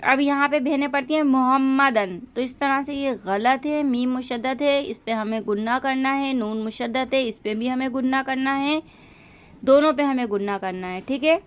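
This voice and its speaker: Patiently walking through a religious lesson step by step, a woman teacher stretches out her words to show their correct pronunciation. Her voice is high and clean, and her pace slow.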